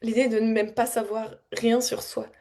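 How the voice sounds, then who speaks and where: A woman spiritual coach talking casually and reflectively to her audience, wandering through her thoughts with frequent repeated words, soft laughs and heartfelt emotion. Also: on the high side, flat delivery, moderate pace. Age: adult with a child. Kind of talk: casual spontaneous reflective talk.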